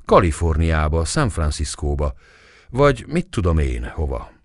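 A man's voice: rumbling low, very animated, no echo, clean studio sound, pitched below the performer's own voice, full character voice. A man voicing a serious, earnest young man in love in an audiobook, speaking solemnly.

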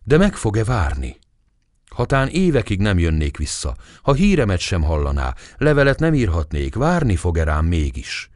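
A man's voice: low voice, darkish tone, no room sound, studio quality. A man voicing a serious, earnest young man in love in an audiobook, speaking solemnly.

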